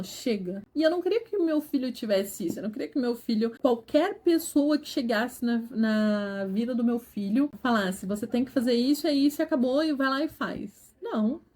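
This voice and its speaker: Brazilian girl in her 20s vlogging about her life, kinda high voice, soft mellow tone, real candid. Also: slightly rough. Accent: Brazilian Portuguese. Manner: earnest, candid, talks straight to viewers. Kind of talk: personal storytelling to camera.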